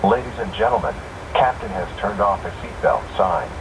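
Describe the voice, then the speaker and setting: A man's voice: deep voice, moderate pace. A man giving a scripted airline cabin announcement in the manner of a flight attendant. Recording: loud aircraft noise, radio-like announcement.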